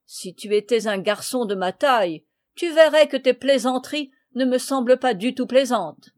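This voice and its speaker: A woman's voice: a little high, animated, moderate pace, lightly acted. A woman reading the part of a boastful, touchy boy who answers indignantly. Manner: indignant, defensive.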